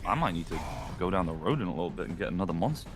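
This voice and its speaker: A man's voice: low voice, expressive, very fast, noisy background. A man giving casual, informal commentary on a video game, with some swearing. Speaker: gaming co-commentator. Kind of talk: casual gameplay chat.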